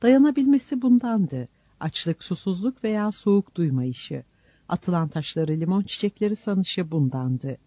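A man's voice: fairly high pitch, animated, a little slow, mellow, no echo. A man narrating a story in the first person, reading it expressively. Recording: dull lo-fi recording, dry.

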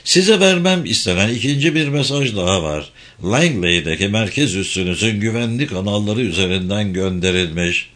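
A calm, formal male intelligence officer , as a male narrator puts him on. He talks in a low, measured way, as if giving a briefing. It is read as a spy audiobook.

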